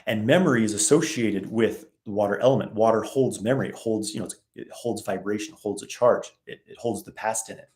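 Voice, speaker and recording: A man hosting a casual live Q&A, reading viewer questions aloud and answering in a relaxed, rambling way. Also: fairly low pitch, fairly quick, few pauses. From West.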